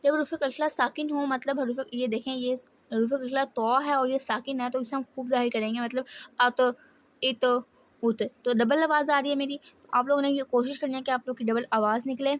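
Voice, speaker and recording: A woman with a Pakistani Urdu accent teaching a Quran reading lesson, who explains in quick bursts and then drills syllables slowly with repetition. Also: high-pitched, steady tone, a little hiss or hum. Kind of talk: step-by-step spelling and recitation lesson.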